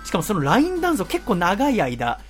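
Male radio host, quick and animated, polite formal phrasing, light music bed. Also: high-pitched. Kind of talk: casual radio chat.

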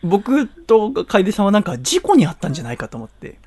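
A man's voice: high voice, wildly swooping pitch, a little fast, darkish tone, breathy edge. Chatty teasing male radio host. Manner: chatty, teasing, laughs often. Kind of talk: casual radio chat.

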